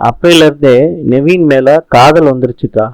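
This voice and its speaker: A man's voice: medium pitch, moderate pace, a little mellow, no echo, close to an everyday voice, rough recording. A man reading the lines of a pleading young woman student, earnest and upset, in a dry recording.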